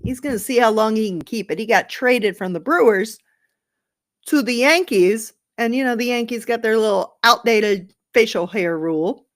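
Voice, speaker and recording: A woman's voice: on the high side, moderate pace. A woman hosting her own sports podcast late at night, chatting alone in a rambling, sarcastic, gossipy way with playful outbursts. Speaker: podcast host. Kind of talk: casual solo sports podcast.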